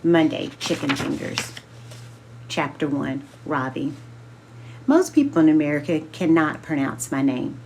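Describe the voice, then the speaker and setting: A woman reading a children's book aloud as a book club host, slowly and carefully sounding out names. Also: deep voice, expressive, gravelly, darkish tone.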